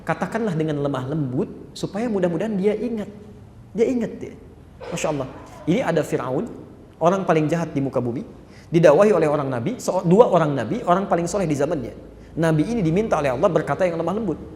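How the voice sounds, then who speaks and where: Quick lively preacher guy, kinda high voice, big echoey hall with a faint rumble behind. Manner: animated, acts out quotes in voices. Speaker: Islamic preacher. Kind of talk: sermon to a congregation.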